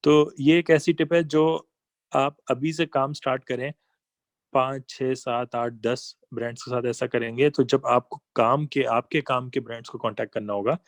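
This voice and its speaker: An online business trainer talks through a lesson over slides, conversational as he shifts from examples to asides on each point. His mid-pitched voice has fairly even intonation and a moderate pace, recorded close and dry with no room sound.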